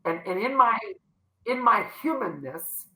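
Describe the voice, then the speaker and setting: A woman's voice: fairly high pitch, lively intonation, measured pace, bright, forceful tone, poor audio. A middle-aged woman, a company CEO, speaking emphatically as a guest on a faith-based podcast and acting out her inner dialogues.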